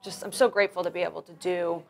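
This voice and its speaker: An enthusiastic woman in her thirties talks through a casual interview. Her voice sits a little low for a woman. She rambles, circles back and restarts her sentences often. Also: flat delivery, fast, gravelly, darkish tone. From grew up in Russia, born in Florida. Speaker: guest, professional wrestler.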